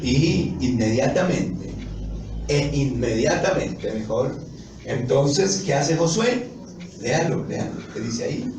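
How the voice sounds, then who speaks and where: A man preaching a sermon emphatically, putting questions to his congregation and rising to loud exclamations. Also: medium pitch, lively intonation, slow. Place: church. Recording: echoey hall from a distance, noisy.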